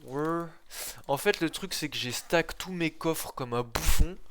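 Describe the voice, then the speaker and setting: A man's voice: on the high side, normal speed, a bit bright, slight background noise. A young man chatting casually while playing a modded game, swearing at it and dropping joking English phrases. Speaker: gaming YouTuber. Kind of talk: casual gameplay chat.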